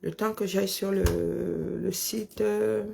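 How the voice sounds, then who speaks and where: A woman with a lisp that makes her s sounds slushy, chatting casually and haltingly, often repeating words as she thinks. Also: medium pitch, steady tone, dark tone, slight background noise. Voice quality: husky, creaky voice. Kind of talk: casual chat, talking to herself and on a phone call.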